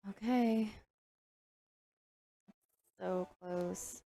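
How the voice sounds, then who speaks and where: A woman's voice: fairly low pitch, fairly even intonation, very slow, creaky, mellow, dry recording. A woman who is not a native English speaker, chatting casually as a pool match commentator and laughing at her own jokes.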